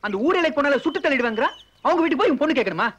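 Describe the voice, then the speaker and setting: An actor playing a blunt, practical young male friend who argues quickly in film drama dialogue. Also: very high-pitched, big pitch swings, fairly bright tone, lo-fi sound, heavily acted. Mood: arguing. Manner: argumentative, quick.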